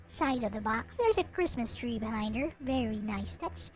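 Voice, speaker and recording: Here a woman streams a show-and-tell of collectible anime figures, sounding casual and playful as music plays. Her voice leans high and expressive, with a moderate pace.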